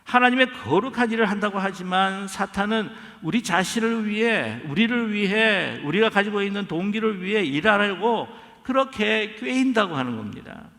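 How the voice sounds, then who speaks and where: A male pastor delivering an emphatic sermon, his pitch high and swinging widely through each phrase. His voice is bright with a gravelly edge. It rings through a church hall with a long reverb. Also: expressive, moderate pace, few pauses. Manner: emphatic preaching, acts out quoted dialogue. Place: church sanctuary.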